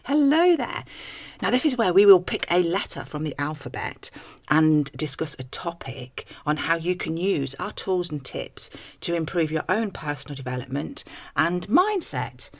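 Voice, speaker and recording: A woman's voice: deep voice, expressive, moderate pace. A woman co-hosting a podcast in a conversational way, giving encouraging, practical advice like a life coach.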